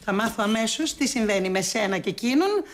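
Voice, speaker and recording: A woman's voice: a little high, expressive, slight background noise, lightly acted. A woman acting a bossy, meddling female friend in a sitcom, fussy and scolding. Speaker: sitcom character. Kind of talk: comedic TV acting.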